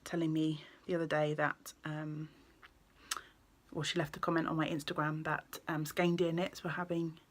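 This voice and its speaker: Woman, low-ish voice, casual vlogger; rambling, lots of ums and restarts. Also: little pitch movement, moderate pace. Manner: rambling, with many ums and self-corrections. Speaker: knitting vlogger and yarn shop owner. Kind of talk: casual chatty vlog.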